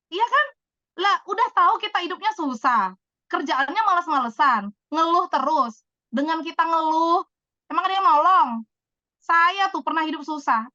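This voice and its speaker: A chatty woman in her thirties with a high, bright voice tells her stories with animated emphasis. The sound is dry and a little dull. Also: dry recording. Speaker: business speaker answering questions. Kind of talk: casual talk-show answers.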